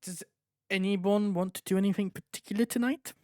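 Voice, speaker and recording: Laid-back game master narrating camp scenes, mid-pitched, dry mic. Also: steady tone, a little fast, darkish tone, no echo. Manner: laughs often, easygoing. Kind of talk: running a tabletop game.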